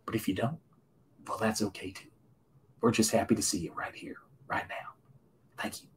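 A man from Tennessee giving a gentle, encouraging painting lesson on a live stream, often dropping to a hushed whisper. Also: fairly low pitch, fairly even intonation, moderate pace, slight background noise. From Tennessee, USA. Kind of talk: soothing painting-show patter, live stream.

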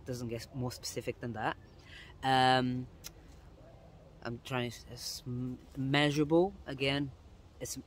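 A man's voice: medium pitch, slight background noise. A young man talking casually to his phone camera outdoors on a woodland path, chatty and explaining things step by step, often restarting his sentences. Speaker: vlogger. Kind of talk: casual vlog talk to camera. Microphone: phone camera at arm's length.

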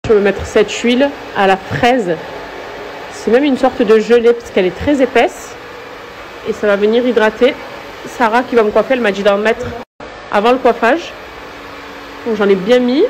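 A young woman chatting casually to her followers in an expressive, slangy way, recorded on a handheld phone. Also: moderate pace, pauses often. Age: young adult. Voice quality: rough, croaky morning voice. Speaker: influencer vlogging her trip. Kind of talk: casual vlog chat to followers. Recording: noisy phone recording with ambient rumble.

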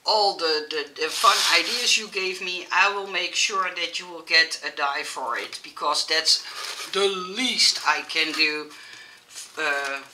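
A Dutch-accented woman gushes her way through an unboxing in an unhurried, drawn-out way, stumbling and starting over as she goes. She sits back from the mic, and a loud sizzling, frying sound runs behind her. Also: medium pitch, recorded from a distance, background noise. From Netherlands. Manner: excitable and gushing, with frequent restarts and giggles. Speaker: crafting vlogger. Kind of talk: casual unboxing chat.

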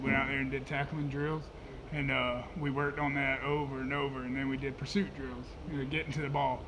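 A young man in his twenties speaks at a press table mic with a flat, level delivery and few rises in pitch. He talks in a laid-back, plain way, full of filler words. Steady background noise sits under the voice. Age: 20s. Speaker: college football player. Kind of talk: post-game press conference answers. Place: press conference room, indoors. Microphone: table microphone.

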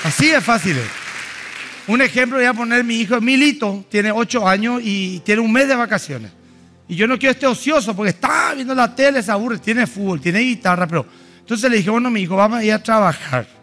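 A man preaching a sermon as pastor, animated and rising into exhortation. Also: very high voice, brisk, soft background music, some chatter behind. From Paraguay.

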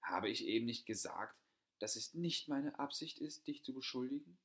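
A man voicing a gentle, poor young woman who speaks softly, shyly and politely. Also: mid-range voice, animated, normal speed, pitched above the performer's own voice. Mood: pleading. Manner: soft, shy, polite.

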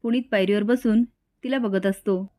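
A woman's voice: mid-range voice, fairly even intonation, moderate pace, a little mellow. A woman retelling a TV serial episode in story form, voicing each character herself. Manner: voices every character herself in turn. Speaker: serial recap narrator.

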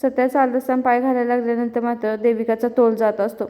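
Lively woman retelling a story. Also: on the high side, fast talker, long reverb tail. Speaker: serial recap narrator.

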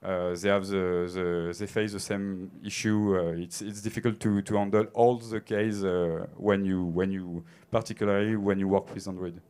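A man's voice: deep voice, steady tone, moderate pace, hardly any pauses, a little mellow, smooth. A man in his thirties with a French accent answers conference questions on a theater stage into a handheld mic, hesitant and full of filler sounds. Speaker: conference speaker.

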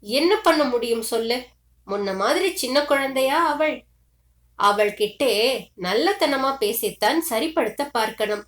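A woman's voice: a little high, expressive, a little slow, a bit bright, reverberant. A woman voicing a weary older man who soothes and advises in a resigned tone.

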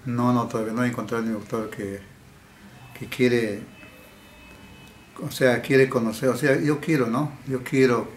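In an echoey indoor room with faint background hiss, a Peruvian Amazon healer is interviewed. His voice is mid-range, and he answers slowly and haltingly, frequently starting over and repeating words.

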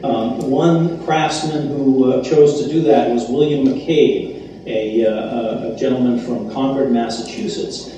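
A man's voice: mid-range voice, slow. A man with a Boston accent giving a public lecture, talking plainly with many "uh"s. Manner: filler-heavy, relaxed and self-deprecating. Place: lecture hall. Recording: echoey hall, distant mic, faint hiss.

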